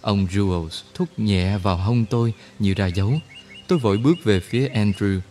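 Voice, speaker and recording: A man narrating a story aloud in a steady reading manner. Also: lowish voice, normal speed. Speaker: audiobook narrator. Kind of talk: scripted narration.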